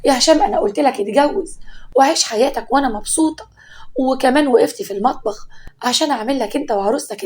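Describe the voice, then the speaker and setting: A woman with an Egyptian accent voicing a wronged young wife, quick and tearful. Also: high voice, a little mellow, close to an everyday voice.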